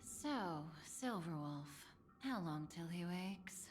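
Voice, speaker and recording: An enigmatic outlaw woman from a game. She speaks low and slowly, hushed and breathy, calm, solemn and quietly caring, over ambient noise. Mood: solemn, gentle. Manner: measured, hushed, breathy delivery. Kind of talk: video game voice acting.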